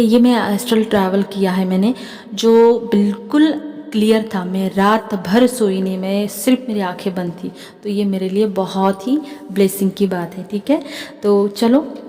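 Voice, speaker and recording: A woman with an Indian accent shares spiritual guidance and dreams in a chatty talk to camera. Her voice is mellow and unhurried in tone, and it trails off into a long reverb. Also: mid-range voice. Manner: chatty, keeps adding "theek hai". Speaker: spiritual healer and tarot reader.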